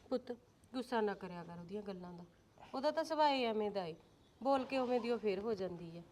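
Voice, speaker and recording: A woman's voice: on the high side, animated, fast, darkish tone, a little hiss or hum, natural voice. A woman playing a firm, motherly Punjabi mother-in-law. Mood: soothing. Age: middle-aged. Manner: scolding, then soothing and motherly. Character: middle-aged mother, firm yet kind. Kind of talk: Punjabi short-film acting.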